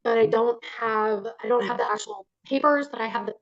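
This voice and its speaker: A woman giving polite sworn testimony as a witness, halting, with long pauses. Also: a little high, vocal fry, no echo. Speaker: witness, parent in child support case. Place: court hearing over video call. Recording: slightly dull video call audio.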